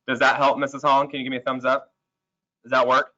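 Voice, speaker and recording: A man's voice: mid-range voice, level tone, fast talker, bright, forceful tone. Man chairing a meeting, tunnel-like muffled sound. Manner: plain, procedural, calls names in turn. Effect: muffled, tunnel-like call audio. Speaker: mayor chairing a council meeting. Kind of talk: chairing a council meeting on a video call. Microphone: video call. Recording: dull lo-fi video call audio.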